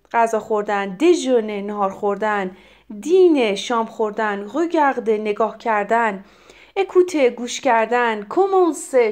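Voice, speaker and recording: High-voiced woman teaching French. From Iran. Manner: explains in Persian, reads French examples slowly and clearly. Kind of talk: grammar lesson.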